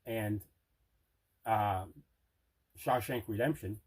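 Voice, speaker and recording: A man hosting an unboxing video show chats casually, repeating himself for emphasis. His fairly low voice is darkish and husky, and he takes it slowly.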